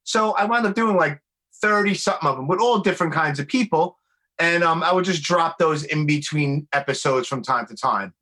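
Man, Brooklyn accent, highish pitch, bright forceful tone, casual podcast host, blunt, slangy storytelling. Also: normal speed, low-quality recording. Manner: blunt, swearing, animated storytelling full of slang. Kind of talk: casual conversational chat.

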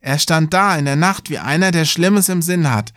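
A man playing a fearless, simple youngest son from a fairy tale, his voice lifted a bit higher. He speaks earnestly and plainly, in a dry, close recording. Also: normal speed, a bit bright, no room sound, natural voice. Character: naive, fearless young man wanting to learn fear.

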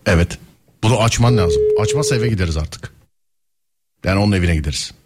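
A man's voice: low-pitched, expressive, fast, very noisy. Playful laughing male radio host. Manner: playful, teasing, laughs often. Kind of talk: live radio call-in chat.

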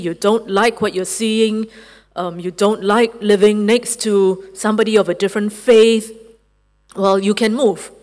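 A woman gives a formal panel talk in a raspy, hoarse voice, sounding as if she has a lozenge in her mouth. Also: mid-range voice, a little mellow. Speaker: panel speaker. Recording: long hall reverb.

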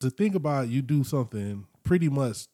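A man in his late thirties talks in a loose, unhurried way, often stretching his words and dropping in slang. His voice is dark and mellow, recorded close in a dry room. It sounds like casual podcast talk among friends. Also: medium pitch, animated, no echo. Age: 30s. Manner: reflective, drawn-out, slangy. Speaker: podcast co-host. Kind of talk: casual chat.

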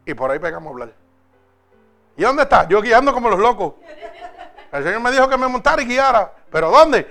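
A man preaches with fervor, his voice high and bright as he presses his listeners. He drops into quiet, intimate storytelling, then rises again into urgent exhortation. Soft music plays faintly behind him. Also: big pitch swings, a little fast. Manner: fervent, swings between loud exhortation and hushed storytelling. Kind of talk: sermon and personal testimony.

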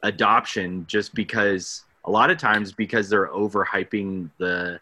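Low-voiced man hosting a podcast. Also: steady tone, unhurried, bright, forceful tone. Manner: chatty, self-deprecating, laughs often. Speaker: podcast host. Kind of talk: casual interview.

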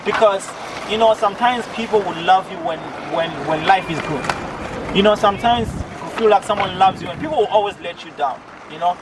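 Heavy outdoor traffic nearly drowns out the distant mic as a young Zimbabwean street preacher in his 20s speaks in a high-pitched voice at a moderate pace. Mixing preaching with interview answers, he comes across as earnest, repeats himself a lot, and restarts often.

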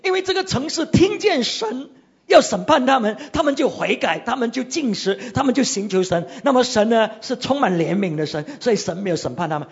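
Preacher retelling a scripture story, husky and animated, on muffled lo-fi audio. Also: medium pitch, brisk. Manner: animated storytelling with frequent "ah" fillers. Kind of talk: sermon.

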